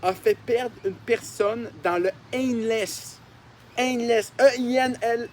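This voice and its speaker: High-voiced Québécois man joking around. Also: takes it slowly, a little hiss or hum. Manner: mocking, self-deprecating, swears often. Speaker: YouTuber. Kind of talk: casual commentary on childhood drawings.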